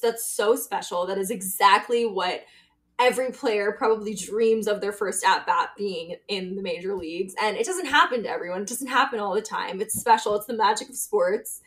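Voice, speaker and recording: A woman co-hosting a sports podcast in casual chat, emotional and quick to laugh. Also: mid-range voice. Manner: emotional, chatty, laughs often. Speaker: podcast co-host.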